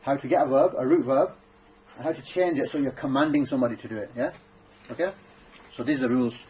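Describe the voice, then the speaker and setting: A man's voice: mid-range voice, fast talker, a little mellow, slight background noise, rough recording. A man teaching an Arabic grammar class, thinking aloud and checking in with his students. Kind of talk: classroom lesson.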